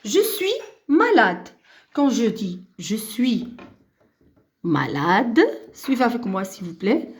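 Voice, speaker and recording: Slow, high-voiced woman teaching French. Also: big pitch swings. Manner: slow, drawn-out, repeats and stresses each word for learners. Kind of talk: grammar lesson.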